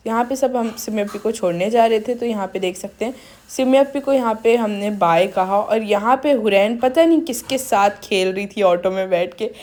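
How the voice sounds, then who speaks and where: A woman's voice: a little high, darkish tone. A young woman narrating her family wedding vlog in a chatty, casual voice-over, talking straight to her viewers. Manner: chatty, addresses viewers as guys. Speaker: vlogger.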